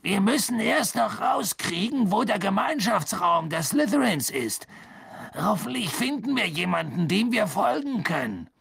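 A reader voicing a determined teenage boy who talks in a hurried, urgent way in an audiobook. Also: medium pitch, sing-song, creaky, fairly bright tone, slightly rough, no echo, voice pushed up, heavily acted. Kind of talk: audiobook reading.

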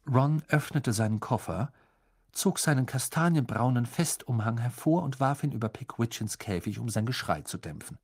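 Brief: Hörbuchsprecher, lebendige Melodie, mittlere Stimmlage. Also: male voice, mid-range voice, moderate pace, husky. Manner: expressive, voices many characters. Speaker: audiobook narrator. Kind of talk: storybook reading.

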